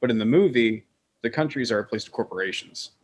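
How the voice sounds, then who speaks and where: A man on a podcast panel chats casually in a group conversation, rambling and opinionated with some casual swearing. His medium-pitched voice is quick and lively in intonation.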